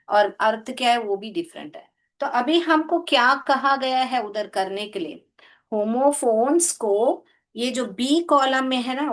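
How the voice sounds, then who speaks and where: Woman schoolteacher, slightly high voice, very slow and patient, keeps questioning the kids. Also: a bit bright. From India. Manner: patient, asks children many questions and praises them; speaks slowly and spells points out step by step. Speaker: English teacher. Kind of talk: classroom lesson for children, mixing Hindi and English.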